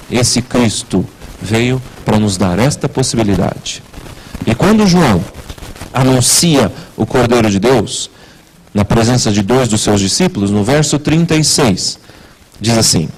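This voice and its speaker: A man preaching a sermon as pastor in a church, asking rhetorical questions with wide swings in pitch and loudness. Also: low-quality recording.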